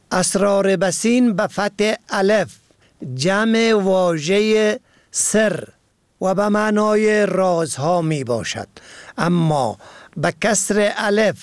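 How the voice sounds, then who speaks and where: A man with an Afghan Dari accent reading a scripted radio program, slow and careful, spelling words out letter by letter. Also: sits high, no room sound. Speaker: radio presenter.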